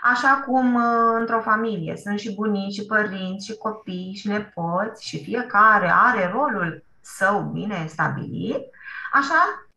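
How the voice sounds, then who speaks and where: A bright-toned Romanian woman teaching first-graders over a video call, with a gravelly edge to her voice. She keeps checking that the children follow and praises them often. Her voice sounds echoey, as if she is in a bare room. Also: mid-range voice. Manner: encouraging, asks "da?" often, praises with "bravo". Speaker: primary school teacher. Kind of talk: online class for young children. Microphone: computer mic on a video call.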